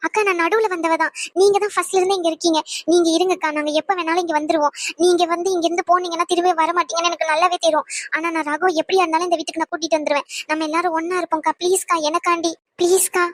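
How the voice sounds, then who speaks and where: A woman voicing a high, pleading young wife. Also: flat delivery, rapid-fire. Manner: soft, pleading. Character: tearful young wife and sister-in-law, gentle and pleading. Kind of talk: animated cartoon voice acting.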